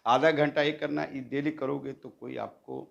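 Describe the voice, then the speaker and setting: A man's voice: medium pitch, fairly even intonation, moderate pace, gravelly, highs cut off. A man teaching acting students in a coaching lecture, demonstrating lines and often checking in with them.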